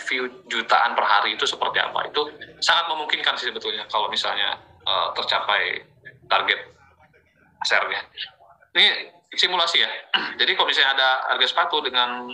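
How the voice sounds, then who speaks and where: Speaking at medium pitch with a sharp tone, a male affiliate marketing trainer explains his sales pitch informally and conversationally. He keeps dropping little tag words to check in with his audience. The audio is rough.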